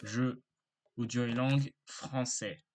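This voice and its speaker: A man's voice: mid-range voice, fairly even intonation, slow pace, a little mellow. A man giving casual let's play commentary, hesitant and rambling with lots of fillers and apologies. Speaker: gaming YouTuber.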